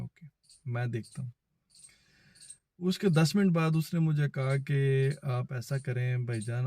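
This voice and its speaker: A mellow, mid-range male voice with a Pakistani accent belongs to a vlogger telling a personal story casually. He quotes back-and-forth dialogue, acting out both sides of remembered phone conversations.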